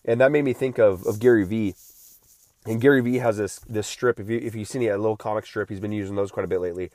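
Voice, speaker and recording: Talking fast with fairly even intonation, a man in his late thirties delivers a casual solo podcast in a lowish, slightly mellow voice with no echo. He's recovering from feeling unwell and rambles, full of restarts and fillers.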